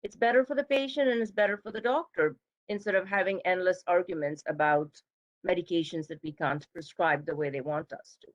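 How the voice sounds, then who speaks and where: A woman's voice: lowish voice, fairly quick, highs cut off. A woman psychiatrist speaking on a panel over a video call, candid and thoughtful. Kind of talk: professional panel discussion.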